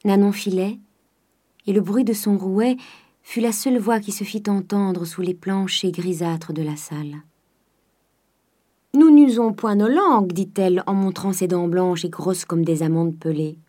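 A woman reads a classic novel aloud in a measured storytelling voice. Her tone is low and warm, and it rises a little whenever she voices the dialogue. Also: steady tone. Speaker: audiobook reader. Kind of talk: literary audiobook narration.

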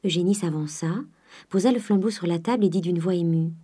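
A woman narrating a classic novel in a soft, hushed reading. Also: lowish voice, a little fast, slightly rough. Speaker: audiobook narrator.

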